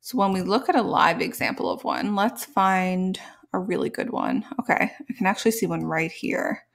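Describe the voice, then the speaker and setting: A woman's voice: fairly low pitch, expressive, normal speed, creaky. A woman hosting a casual trading tutorial with a slightly congested, sore-throat voice, often checking in with okay and right. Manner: frequent check-in tags like okay, all right, right. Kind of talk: casual tutorial explanation over live charts.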